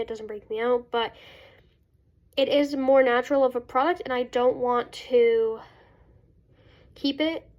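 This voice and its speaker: A woman vlogging casually as a beauty vlogger, congested with a cold and breathing through her mouth, talking in a halting, self-interrupting way. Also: high-pitched, highs cut off. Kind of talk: casual chat to camera.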